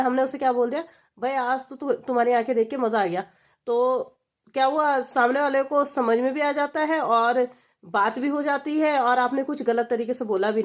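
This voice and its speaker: Woman teaching a commerce class, kinda high voice, keeps asking then answering herself. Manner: explains step by step, asks and answers her own questions, addresses students as kids. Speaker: exam-prep teacher. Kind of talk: recorded lecture for exam preparation.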